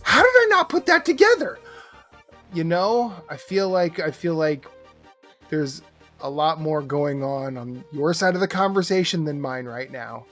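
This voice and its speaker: A man's voice: on the high side, expressive, measured pace, bright, forceful tone, faint music behind. A man in his forties, a podcast guest, joking dryly in casual chat. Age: 40s. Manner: dry, joking.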